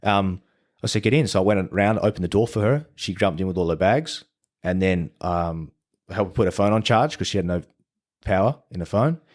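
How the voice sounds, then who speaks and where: A man's voice: sits low, fairly quick. An Australian man, a podcast guest, telling stories in casual chat, swearing freely and acting out what people said. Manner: swears freely, animated retelling of conversations. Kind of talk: casual storytelling.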